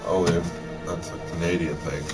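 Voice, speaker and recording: On a gaming livestream, an American-accented man from Michigan rambles and jokes with friends, swearing in a sardonic way. He speaks at normal speed in a deep voice with little pitch movement. A distant mic catches him, and music is playing.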